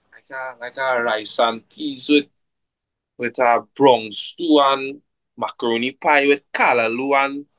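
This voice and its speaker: A man, a soca artist chatting casually in an interview, relaxed and full of fillers. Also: medium pitch, no room sound, rough recording. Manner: relaxed, laid-back, many fillers like "like" and "you know what I mean".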